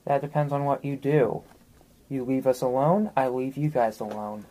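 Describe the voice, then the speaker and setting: A woman with a very deep voice talks through her turns in a tabletop game, hesitant and full of restarts. Faint hiss sits under the recording. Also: normal speed. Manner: hesitant, many ums and restarts. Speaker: player. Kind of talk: casual tabletop play.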